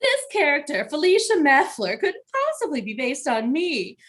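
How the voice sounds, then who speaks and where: A woman's voice: high voice, very animated, normal speed, a bit bright. A woman playing a glamorous, vain, playful mother with an airy manner in a comedic script reading. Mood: haughty, vain.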